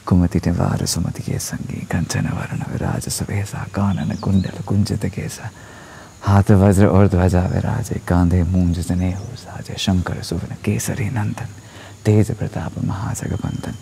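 A young man recites in a slow, hushed, often half-whispered voice that sits low and gravelly. His tone is dark and mellow, with a faint hiss of outdoor noise behind it. He speaks into an earphone mic out in a forest. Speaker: spoken word performer. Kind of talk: soft spoken-word devotional recitation. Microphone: wired earphone mic, phone at arm's length.

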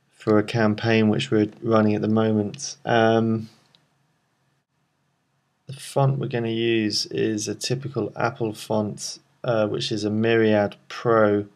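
Low-voiced man walking through software steps. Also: unhurried, pauses often. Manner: calm step-by-step explaining with frequent ums. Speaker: software tutorial presenter. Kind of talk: screen-recorded software walkthrough.

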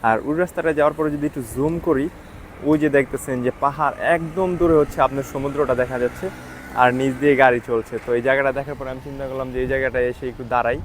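A man filming a walking travel vlog outdoors, talking softly because he is tired and often checking in with his viewers. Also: mid-range voice, little pitch movement, very fast, a little hiss or hum. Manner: keeps checking with "ঠিক আছে?". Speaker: travel vlogger. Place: outdoors on hilltop town streets.

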